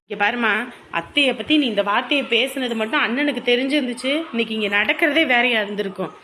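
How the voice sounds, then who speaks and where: An anxious young bride. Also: female voice, a little high, fast, pushed and bright, slight background noise. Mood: scolding. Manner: fretful, then scolds her mother.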